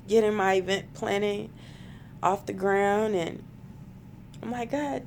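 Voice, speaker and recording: Woman, 30s, vlogger, emotional spiritual testimony, slow unhurried delivery. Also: medium pitch, gravelly, slight background noise. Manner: earnest, emotional, spiritual storytelling. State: close to tears. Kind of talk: personal testimony to camera.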